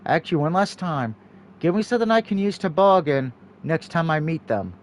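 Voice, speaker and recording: Man voicing a blunt, high-voiced female interrogator. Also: lively intonation, moderate pace, close to an everyday voice. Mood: cold, irritated. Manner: blunt, cold, commanding. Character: stern, quick-tempered female prison interrogator. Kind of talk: visual novel dialogue read aloud.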